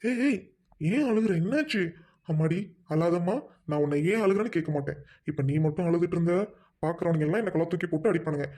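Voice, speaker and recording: A kind young man, soft-spoken and lightly teasing, as a woman acts him out. The voice is low for a woman and dark, mellow and warm, soothing and coaxing in an amateur dialogue drama. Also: fast talker, close to an everyday voice.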